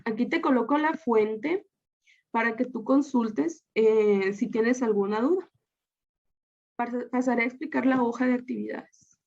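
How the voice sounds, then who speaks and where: A woman from Guatemala teaches a recorded lesson over slides, her voice set a little high. She explains step by step, often pausing on fillers and restarting her sentences. The audio is slightly dull and lo-fi. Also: gravelly, darkish tone. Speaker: student teacher.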